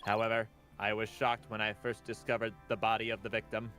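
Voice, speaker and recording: A man's voice: on the low side, little pitch movement, a little fast, sharp tone, faint music behind. A man voicing a male bomb disposal specialist who talks in clipped, machine-like phrases, while playing a courtroom game. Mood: flat robotic. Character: robotic-talking male bomb disposal expert.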